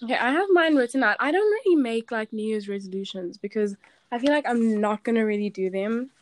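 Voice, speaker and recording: A woman's voice: a little high, animated, brisk. A young woman, co-hosting a casual podcast chat, talking loosely with lots of "like". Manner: chatty, peppered with "like". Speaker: podcast co-host.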